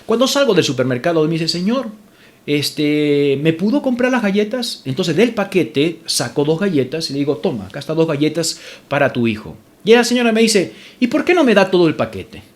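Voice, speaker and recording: A man's voice: a little high, sing-song, normal speed. A male pastor preaching a sermon to his congregation, addressing them as brothers, repeating scripture references and rising sharply when indignant.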